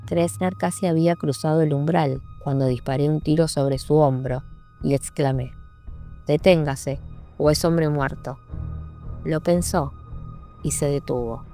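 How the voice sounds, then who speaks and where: A woman narrating an audiobook in a measured, sombre reading. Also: low-pitched, fairly even intonation, mellow. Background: faint music.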